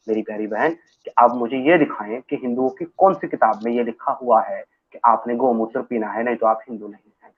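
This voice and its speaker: A man hosting and moderating a live debate, calm and persistent as he repeats his questions. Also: medium pitch. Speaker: host and moderator. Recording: phone-like narrow audio.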